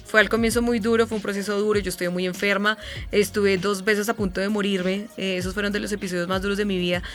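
Colombian woman radio host, thirties, bright, lively storyteller in an interview, faint music behind. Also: medium pitch, fast. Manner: animated storyteller, imitates sounds and voices. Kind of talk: emotional personal interview.

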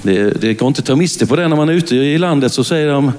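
A man's voice: medium pitch, expressive, darkish tone. A man with a Småland accent from Värnamo, preaching a fervent sermon in church and often calling out hallelujah. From Sweden. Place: church at a conference service.

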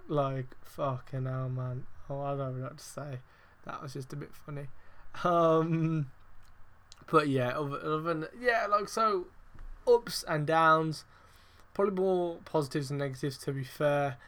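Swearing, excitable podcast man. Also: on the high side, a little slow. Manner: heavy swearing, rambling with many fillers; excitable, emphatic. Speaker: podcast host. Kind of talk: casual wrestling review podcast.

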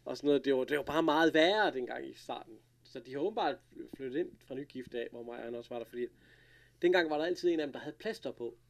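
A man casually recapping an episode, retelling scenes with lively quoted lines and laughter. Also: mid-range voice, gravelly. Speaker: podcast co-host recapping an episode. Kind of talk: casual chat.

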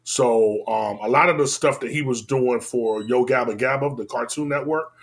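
A man in his forties with a Washington, D.C. accent, telling his story in a casual, slangy, laid-back way that drifts between loud and low. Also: normal speed.

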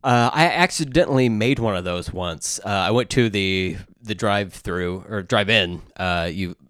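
A man's voice: on the low side, normal speed, a bit bright, dry recording, clean studio sound. A man co-hosting a podcast in casual chat, joking and rambling with plenty of fillers. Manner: jokey, rambling with many fillers. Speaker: podcast co-host.

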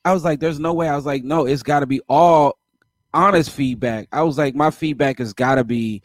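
A lively male host with a slightly higher voice tells stories energetically. He leans into his anecdotes and laughs easily. The recording is dry and close, with no room around it. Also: a little fast, no room sound. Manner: animated storyteller who acts out quotes with laughs. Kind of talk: casual chat.

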